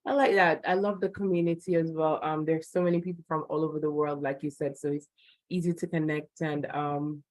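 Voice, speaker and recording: An encouraging woman hosts a video call interview, her voice sitting fairly low. The sound is dry and close, with no room around it, and she asks long, winding questions. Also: level tone, a little fast, a little mellow, dry recording, poor audio.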